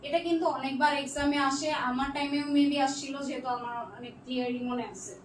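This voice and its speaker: High-voiced young woman tutoring in an echoey room. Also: flat delivery, fast talker. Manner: patient, checks answers one by one, mixes in English words. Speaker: online tutor. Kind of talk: live online class reading student comments. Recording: echoey room, distant mic, faint noise.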